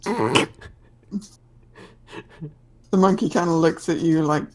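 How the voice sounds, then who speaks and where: A woman improvising narration as a tabletop game master, with a hesitant, halting delivery. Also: low-pitched, noisy background.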